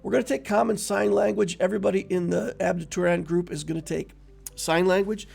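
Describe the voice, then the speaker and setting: A man with a rather high voice and a heavy gravelly fry, sounding husky as he talks. He walks through a tabletop character build in a relaxed, chatty manner, pausing on fillers as he goes. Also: faint music behind. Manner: relaxed and conversational with frequent fillers. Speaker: tabletop game build creator. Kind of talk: casual explanatory walkthrough.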